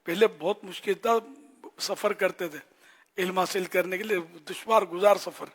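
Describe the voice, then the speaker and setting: A man giving an earnest religious teaching in short, admonishing phrases with pauses, as a scholar answering questions. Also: high-pitched, fairly even intonation. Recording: long hall reverb.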